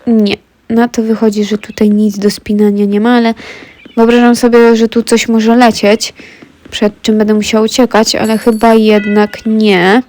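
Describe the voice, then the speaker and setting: Speaking at normal speed with a flat delivery, a woman with a fairly high, darkish voice gives casual gameplay commentary to her viewers. A cold has left her congested with a stuffy throat, but she stays chatty.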